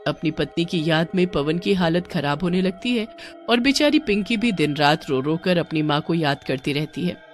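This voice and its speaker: A woman's voice: fairly low pitch, animated, moderate pace, faint music behind. A woman narrating a scripted story, switching between narration and the voices of its characters.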